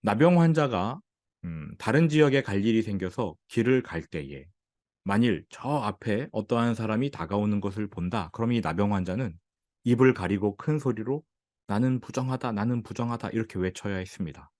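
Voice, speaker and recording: Korean pastor preaching, low dry voice. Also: male voice, moderate pace, no room sound. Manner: animated preaching, acting out quoted speech. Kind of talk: sermon.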